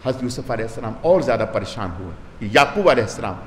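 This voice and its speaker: A man's voice: mid-range voice, expressive. A man giving a Quran commentary sermon, telling the story with voiced dialogue and strong rises in emphasis. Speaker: religious scholar. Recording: hall with long reverb, faint noise.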